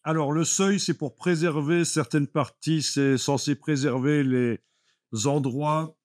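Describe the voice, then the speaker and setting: A man's voice: fairly high pitch, steady tone, takes it slowly, dry recording, clean studio sound. A man teaching a live Photoshop class, explaining steps patiently with many fillers like "euh" and "voilà". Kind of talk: live classroom software lesson.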